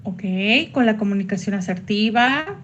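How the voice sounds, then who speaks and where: A woman psychologist giving a workshop online, chatty, with sudden high jumps when she acts out quoted voices. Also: animated, moderate pace, muffled recording, a little hiss or hum.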